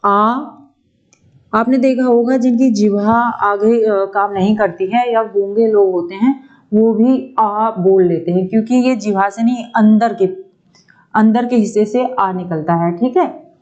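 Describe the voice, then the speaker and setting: A woman's voice: medium pitch, darkish tone, muffled recording. A woman teacher giving an exam-prep grammar lesson, asking questions and answering them herself, with frequent check-ins to the class. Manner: slow, drawn-out explaining, asks and answers own questions.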